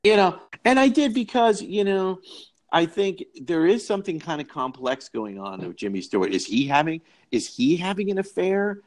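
A man's voice: sits high, very animated, normal speed. Rambling man in casual film chat. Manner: rambling, full of restarts and repeated words. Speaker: podcast co-host.

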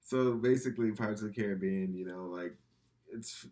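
A man with a low, husky voice chats about movies on a casual podcast. He rambles, packs his talk with "like" and "you know", and swears freely. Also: fairly quick, warm tone. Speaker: podcast co-host.

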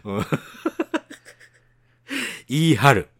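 A man from Tohoku, Japan co-hosting a casual bilingual chat, laughing often and protesting with animated repeated denials. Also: mid-range voice, extremely slow, no echo, clean studio sound. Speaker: podcast co-host.

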